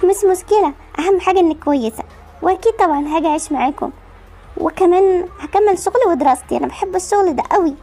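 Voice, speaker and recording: A woman's voice: extremely high pitch, very fast, warm tone. Woman voicing a kind teenage sister. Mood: reassuring. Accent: Egyptian Arabic. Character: kind older sister, teen girl, generous, hardworking.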